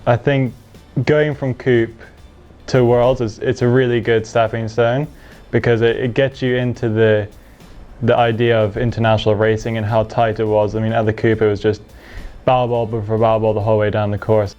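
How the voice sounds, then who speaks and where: A man's voice: on the low side, little pitch movement, normal speed, darkish tone, faint music behind. Young man, thoughtful, slightly dull audio. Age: late teens. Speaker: junior rowing crew member. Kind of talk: casual interview answers.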